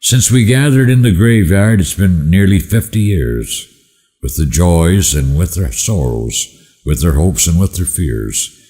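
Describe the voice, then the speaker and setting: A man with a folksy cowboy drawl recites rhyming cowboy poetry, haltingly repeating words and letting line endings fall away slowly. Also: deep voice, lively intonation, dark tone. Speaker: cowboy poet. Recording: echoey hall with long reverb.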